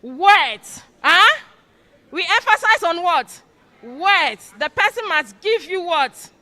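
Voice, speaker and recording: A woman's voice: extremely high pitch, big pitch swings, takes it slowly, sharp tone. A woman giving an orientation lecture, quizzing her audience with fill-in prompts. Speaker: orientation speaker. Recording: long hall reverb.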